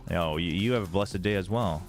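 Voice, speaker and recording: A low-voiced American man from the East Coast talks a little fast while hosting a casual esports livestream, chatting informally with faint music behind him. He's a watch party host and analyst mixing commentary with chat.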